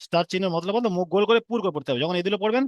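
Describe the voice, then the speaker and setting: A man's voice: high voice, animated, rapid-fire, no echo. A man teaching an online class, patiently repeating and drilling each letter sound for his students.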